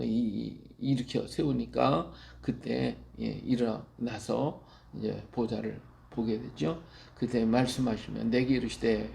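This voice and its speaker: Gravelly-voiced man explaining scripture. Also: mid-range voice, mellow, slight background noise. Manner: slow, musing explanation with many fillers and restarts. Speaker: Bible teacher. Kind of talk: Bible reading and commentary.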